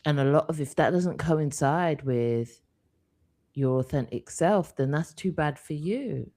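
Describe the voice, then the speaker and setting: A man's voice: a little high, animated, measured pace, a little mellow. A man co-hosting a spiritual live talk, telling a candid personal story with quoted asides. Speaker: co-host.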